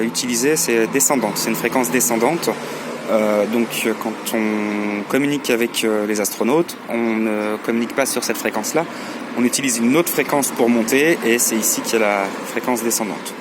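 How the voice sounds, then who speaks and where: A man explaining his radio hobby in a casual, hesitant vlog style, halting as he talks. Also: on the low side, fairly even intonation, noisy background. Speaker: amateur radio hobbyist presenting.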